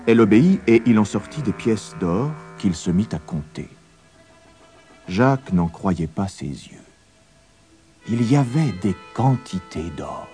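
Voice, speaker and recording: A man narrating a fairy tale as a storybook reading, with a very expressive, swooping delivery. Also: fairly low pitch, a little slow, soft background music.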